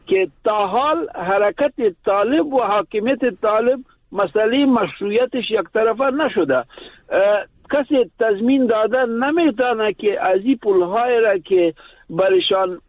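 A man's voice: sits high, no echo. Man with an Afghan Dari accent on a tinny phone line. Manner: halting, many hesitations. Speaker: guest analyst. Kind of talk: radio interview answer. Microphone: phone call.

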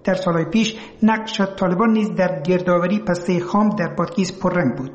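A man's voice: high-pitched, dull audio. A man with an Afghan accent reading a scripted radio news report as a reporter. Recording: roomy, echoing voice recording.

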